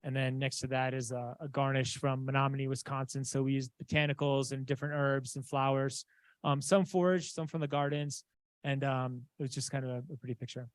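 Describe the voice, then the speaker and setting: A man from Southeast Alaska giving a conference slide talk, halting with many fillers and restarts. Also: mid-range voice, level tone, dry recording. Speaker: conference presenter. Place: conference room.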